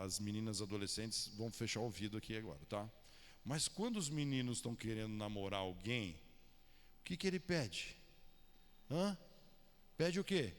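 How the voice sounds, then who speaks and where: A pastor with a mid-range, slightly bright voice preaches a sermon in a church hall, firing questions at the congregation and calling on listeners by name. Long church hall reverb fills the recording.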